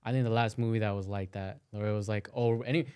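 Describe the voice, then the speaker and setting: A man's voice: on the low side, little pitch movement, fast talker, darkish tone, clean tone. A man co-hosting a podcast in casual banter, slangy and joking as he chimes in. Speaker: podcast co-host.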